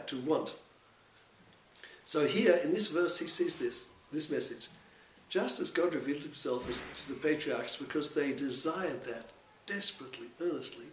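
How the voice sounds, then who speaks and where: A man's voice: a little high, recorded from a distance. Earnest man giving a spiritual talk. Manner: earnest, measured storytelling. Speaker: teacher. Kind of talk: short spiritual talk with a story. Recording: echoey room with faint noise.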